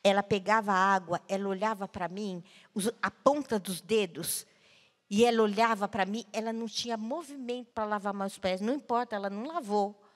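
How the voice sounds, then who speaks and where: At a panel talk in a large cultural center hall, a female guest speaker tells the audience a personal story at normal speed. She swings between loud outbursts and hushed, low tones, and the recording carries long hall reverb.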